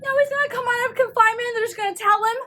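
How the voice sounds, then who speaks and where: A woman reacting to a movie on her first watch at home, emotional, loud and swearing freely. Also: extremely high pitch, steady tone, very fast. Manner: emotional, loud and profane outbursts.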